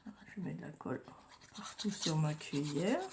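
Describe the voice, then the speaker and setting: A craft vlogger with a head cold chats casually through a crafting tutorial, often dropping to murmurs and whispers to herself while she works and saying "voilà" again and again. Her voice is low, creaky, and darkish at a moderate pace. A little hiss or hum sits under the recording.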